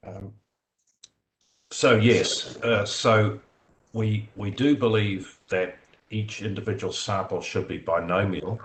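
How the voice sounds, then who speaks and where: Low-pitched man, measured technical explainer on a video call; careful, filler-heavy. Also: steady tone, a little hiss or hum, rough recording. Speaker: software developer answering committee questions. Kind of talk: technical discussion in a video meeting.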